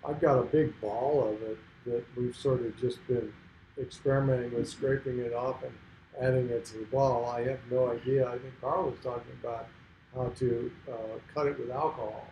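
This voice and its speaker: A man with a mellow, dark voice wanders through his points with pauses and restarts. He is a beekeeper sharing what he knows in a casual group chat. His voice carries a roomy echo over faint ambience. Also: mid-range voice, steady tone, slight background noise. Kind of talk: casual discussion.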